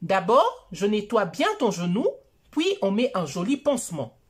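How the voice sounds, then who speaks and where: A woman voicing a gentle, caring mother in a children's story, speaking softly and reassuringly. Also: medium pitch, sing-song, husky. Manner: soft, reassuring, slow.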